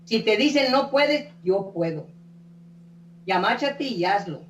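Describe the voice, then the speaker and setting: An older woman singer, interviewed, tells warm, rambling stories in a chatty, folksy manner, often adding "¿eh?" tags and repeating words. Her mid-range voice is animated and unhurried, heard from a distance in an echoey room with a faint hum.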